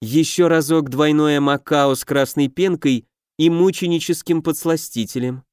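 A man's voice: fairly high pitch, steady tone, moderate pace, a little mellow, clean tone, no room sound, studio quality, natural voice. A man reading an audiobook voices a playful young witch who teases and coaxes. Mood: cooing. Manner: teasing, coaxing, cooing.

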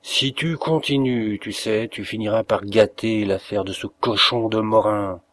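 A grumbling, impatient friend, as a male reader puts him on, snapping his lines short. His voice sits in a middling pitch, read for a storybook. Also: fairly even intonation, brisk, lightly acted. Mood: irritated. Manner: curt, irritated.

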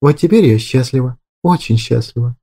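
An earnest, dreamy young woman in love, soft-spoken and rapturous, as a male narrator reads her. The voice is mellow and dark, close to the reader's own register. It comes from a storybook reading. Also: mid-range voice, moderate pace, close to an everyday voice.

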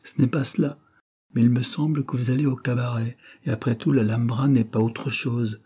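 A man's voice: medium pitch, fairly even intonation, normal speed, mellow, slightly rough, voice pushed up, natural voice. A man voicing an earnest, principled young working woman in a storybook reading, speaking in a grave and admonishing way.

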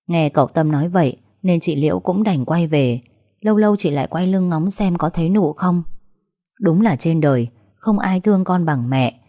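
A young woman reads a dramatized audiobook story in a dark tone, acting out family quarrels by pushing her pitch and volume up.

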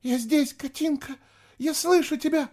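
A man voicing a shrill, frightened young woman. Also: animated, moderate pace, dark tone, lightly acted. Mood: wailing. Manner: shrill and pleading, crying out. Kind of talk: audiobook character voice.

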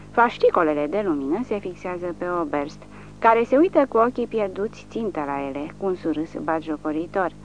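Woman narrator with a lowish voice, measured and dramatic; dull lo-fi audiobook recording with a faint hum underneath. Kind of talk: scripted narration.

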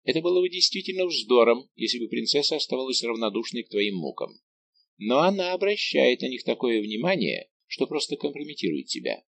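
A man voicing a scheming young nobleman who taunts and quickly flares into anger. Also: medium pitch, sing-song, gravelly, fairly bright tone, pitched above the performer's own voice, full character voice. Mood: insinuating. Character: scheming young nobleman, mocking and hot-tempered.

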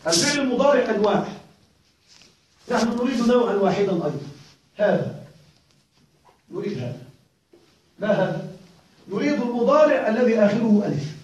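A fairly high-pitched man teaches grammar to a room of students, repeating each rule and checking again and again that they are with him. His voice rings around a very reverberant classroom and sits at a distance from the microphone. A faint hiss of noise runs under it. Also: very animated, a little fast, long pauses, a little mellow. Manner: drills rules by repetition, often checks students follow. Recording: echoey room, mic far off.

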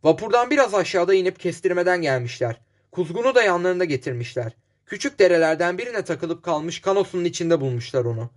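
Breathless village grocer, high and urgent, as a man puts him on. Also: sing-song, fast talker.

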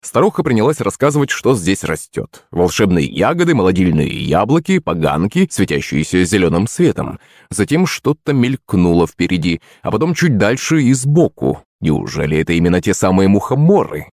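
Low-voiced man narrating an audiobook. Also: very animated, normal speed, a little mellow, dry recording, clean studio sound. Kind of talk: scripted fantasy narration.

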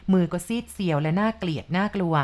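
A woman telling a ghost story with a calm, measured delivery. Her voice sits a bit low, and she speaks politely, drawing the listener along at an even pace.

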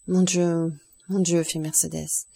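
A woman voicing a grieving, dignified noble mother who speaks softly and sorrowfully, in an audiobook reading. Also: lowish voice, little pitch movement, slow, gravelly, slightly rough, exaggerated voice. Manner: soft, sorrowful, quiet.

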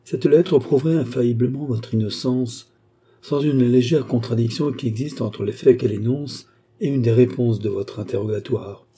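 A man doing a formal measured magistrate. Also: mid-range voice, warm tone, breathy edge, natural voice. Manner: formal, deliberate.

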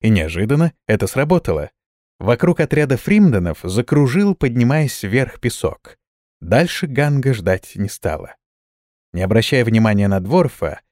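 A man's voice: medium pitch, very animated, moderate pace, darkish tone, no room sound, studio quality. A man narrating a fantasy story as an audiobook, telling it expressively.

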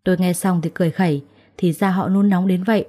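A young woman narrating a first-person story in a calm, reflective way. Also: lowish voice, fast.

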